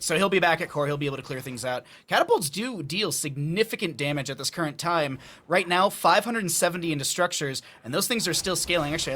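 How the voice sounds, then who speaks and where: High, bright male esports caster. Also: slight background noise. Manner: jokey, bantering with co-caster. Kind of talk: excitable esports commentary and banter.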